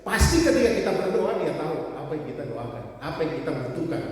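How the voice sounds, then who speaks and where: High-voiced man preaching in an echoey hall. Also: very animated, quick pace, darkish tone. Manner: emphatic preaching, acts out voices of people. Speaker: pastor. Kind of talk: sermon. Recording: echoey hall, far from the mic.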